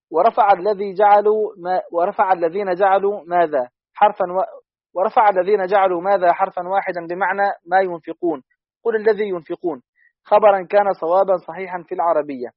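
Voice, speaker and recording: A man with a high voice reads a classical text aloud at a fast clip, steady and even. The sound is dry and dull, like lo-fi audio. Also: dry recording. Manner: quick, steady recitation. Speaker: student reader.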